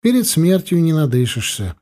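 A man voicing a calm, easygoing teenage schoolboy in an audiobook. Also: a little high, normal speed, voice pushed up.

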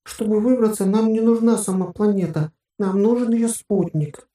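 A man putting on a high, distant hologram woman. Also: normal speed, warm tone, echoey room, lightly acted. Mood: explaining. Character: calm female hologram guide, matter-of-fact.

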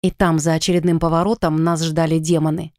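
A woman narrating a first-person fantasy audiobook in an expressive, dramatic reading. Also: low-pitched, brisk, dry recording, clean studio sound.

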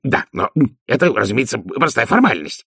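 A man's voice: medium pitch, very animated, normal speed, vocal fry, bright, forceful tone, slightly rough, dry recording, studio quality, pitched above the performer's own voice, full character voice. Man doing a flustered stammering dwarf. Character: nervous fussy male dwarf official.

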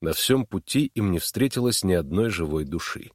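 A man narrating a novel in an even, steady audiobook reading. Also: sits low, normal speed, no echo, studio quality. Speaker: audiobook reader. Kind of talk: scripted narration.

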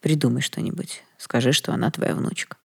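Woman voicing a dying old dragon lord, hoarse, grim, deep. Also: steady tone, a little fast, darkish tone, no room sound, full character voice. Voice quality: hoarse, rasping.

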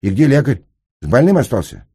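A man reading an audiobook, voicing an excitable, tearful teenage street boy in a high, breathless, pleading voice. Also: a little fast, husky, heavily acted. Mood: surprised.

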